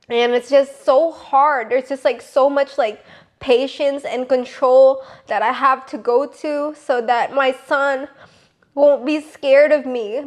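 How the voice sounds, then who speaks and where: A young woman from the Philippines, a mother, speaking softly and haltingly with many fillers in a casual podcast conversation. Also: high-pitched. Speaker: podcast co-host.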